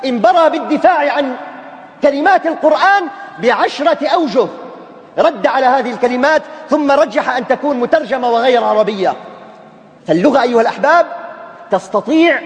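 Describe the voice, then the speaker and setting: High-voiced male preacher, echoing hall. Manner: emphatic, rising to loud declamation. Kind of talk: sermon. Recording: long hall reverb.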